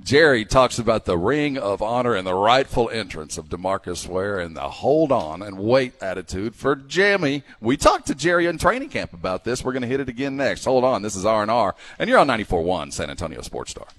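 A man co-hosting sports radio with casual talk and a halting, stammering delivery. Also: on the low side, very animated, a bit bright.

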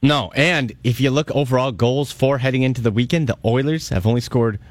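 Gravelly, congested male sports radio host. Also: mid-range voice, fairly quick, no room sound. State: congested with a cold. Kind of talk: upbeat sports radio hosting.

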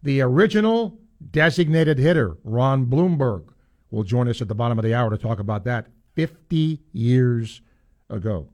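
A man's voice: mid-range voice, animated, moderate pace, darkish tone. A man hosting sports talk radio, reading ad copy and introducing the show in a radio presenter's style. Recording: music bed behind the voice. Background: guitar music.

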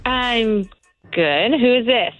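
A woman's voice: fairly high pitch, lively intonation, slow, muffled recording, soft background music. A woman in her twenties on a call to a radio show, talking bluntly with sarcasm and plain exasperation. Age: 20s. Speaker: caller.

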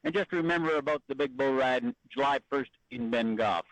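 Male livestock reporter, folksy colloquial delivery, mid pitch, dry recording. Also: moderate pace, fairly bright tone, dry recording, rough recording. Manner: plain-spoken, colloquial. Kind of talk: folksy radio market report.

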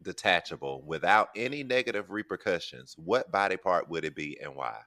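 An American man with a deep voice co-hosting a podcast, asking questions and trading anecdotes in casual chat. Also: expressive, moderate pace, pushed and bright. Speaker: podcast co-host.

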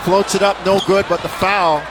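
A man calls live basketball play-by-play in clipped, short phrases, his high voice holding little pitch movement at a normal speed. Courtside arena noise sits behind him, with the crowd and bouncing balls audible.

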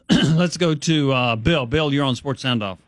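A man's voice: mid-range voice, no room sound. A man hosting a sports talk radio show and fielding calls from listeners.

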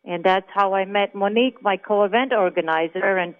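A woman's voice: mid-range voice, moderate pace. A woman from Israel, calling in to a talk radio show and telling her story in an emphatic, chatty way. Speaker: caller. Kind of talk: phone interview on talk radio. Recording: tinny phone line.

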